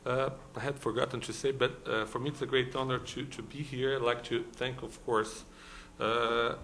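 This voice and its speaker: Speaking English with a Brazilian Portuguese accent, a law professor on a conference panel talks in a hall with a level, slightly bright voice of middling pitch. He is halting, full of "uh"s and restarts, and a faint hiss runs underneath.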